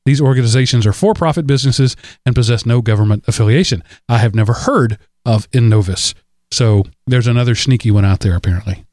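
A man hosting a podcast, chatting casually and rambling with fillers and quick laughs. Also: medium pitch, darkish tone, dry recording, clean studio sound. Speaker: podcast host. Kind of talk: casual chat.

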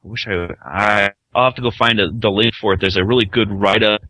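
A man co-hosting a podcast, talking casually and haltingly, his voice glitching and breaking up over a bad call connection. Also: lowish voice, fairly even intonation, pushed and bright, dry recording, low-quality recording. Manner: rambling, halting with many fillers. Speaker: podcast co-host. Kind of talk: casual tech chat.

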